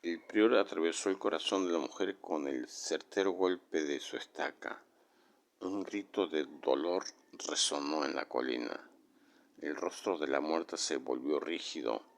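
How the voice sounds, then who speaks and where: A man from Mexico City with a Mexican accent, reading a horror legend aloud in a measured, dramatic way. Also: extremely low pitch, creaky. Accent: Mexican Spanish. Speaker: storyteller.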